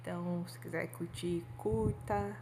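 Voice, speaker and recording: An adult woman shares a painful personal memory with her viewers, speaking in a heartfelt, rambling way. Her voice has a gravelly, creaky texture, and she keeps checking in with little tag questions. A faint hiss sits behind her. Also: fairly low pitch, fairly even intonation, a little slow. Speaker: storyteller on her own channel. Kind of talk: confessional personal storytelling.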